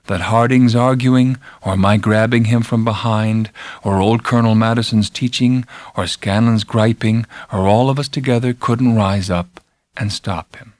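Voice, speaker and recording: Fairly low in pitch, this male narrator performs a first-person literary story for audiobook with intensity and deliberate drama, letting his voice sink to a hush and rise again. No room sound is audible.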